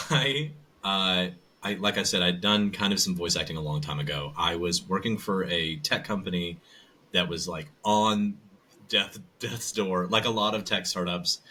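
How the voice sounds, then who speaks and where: Over slight background noise, a deep, sharp-toned male voice moves at a moderate pace. The speaker, an audiobook narrator and voice actor from the American South, is a guest in an easygoing conversation, spinning a loose, rambling story full of restarts.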